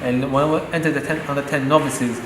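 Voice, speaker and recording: Speaking fast at a medium pitch with fairly even intonation, a young Saudi-born professional boxer gives a pre-fight interview, earnest and proud with the occasional joke. He's in a boxing gym, and the echoey room carries loud ambient noise.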